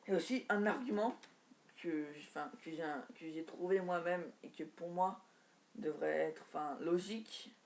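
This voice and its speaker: A man vlogging his wrestling predictions from his notes, talking in a hesitant, halting way with many restarts. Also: fairly high pitch, creaky. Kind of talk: casual spoken predictions from notes.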